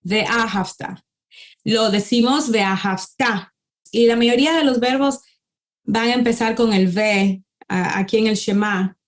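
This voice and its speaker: Woman language teacher, somewhat high voice, patient step-by-step explainer, checks in often. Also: steady tone. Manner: slows down to sound out words. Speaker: Hebrew teacher. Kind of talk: conversational language lesson.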